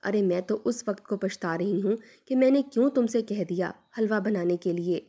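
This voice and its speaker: A woman voicing a harsh, spiteful middle-aged aunt who scolds and accuses in shrill tirades within a dramatized story reading. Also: warm tone, slightly rough. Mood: scolding.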